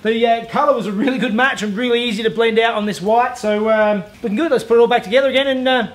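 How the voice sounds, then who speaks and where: This Australian man in his thirties hosts a DIY car repair tutorial from his garage, demonstrating body work with voice-over on a lapel mic. He speaks fast at an extremely high pitch, sounding laid-back, practical and self-deprecating, with many "uh" fillers along the way.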